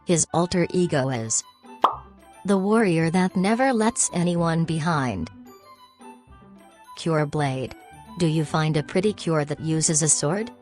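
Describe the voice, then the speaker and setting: A woman with a low voice talks through a fan explainer in an easygoing, offhand way. She pokes fun at herself as she goes, recorded on a home mic. Soft music plays faintly underneath. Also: slow pace, pauses often. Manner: offhand and self-deprecating. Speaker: fan video creator. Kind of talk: casual narrated explainer.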